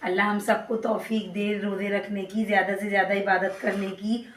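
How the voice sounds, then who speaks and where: A woman's voice: mid-range voice, level tone, moderate pace, reverberant, recorded from a distance, slight background noise. A woman from Pakistan, chatting to viewers in a home vlog while she cooks in her kitchen at night. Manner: chatty, pious, talks to viewers while cooking. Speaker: vlogger. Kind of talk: casual home vlog narration.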